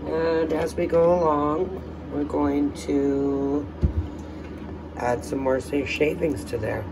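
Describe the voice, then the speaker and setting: A man talks his way through a home how-to, chatty and unhurried, with plenty of ums along the way. He sits back from the microphone in a kitchen, and an air conditioner hums clearly behind him. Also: fairly high pitch, fairly even intonation. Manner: chatty, thinking aloud with fillers. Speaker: soap-making vlogger. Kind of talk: casual how-to vlog. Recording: distant mic, air-conditioner hum.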